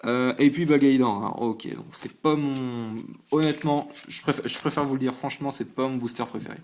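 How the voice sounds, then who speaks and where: Brief: man, mid-pitched, casual host at a home desk, hesitant and stumbling, lists things with quick verdicts. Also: fairly even intonation, darkish tone, slight background noise. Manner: stumbling, hesitant, full of fillers and restarts; chatty, listing items one by one with quick reactions. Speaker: channel host opening trading card packs. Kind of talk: casual on-camera commentary. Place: at home at a desk under a lamp.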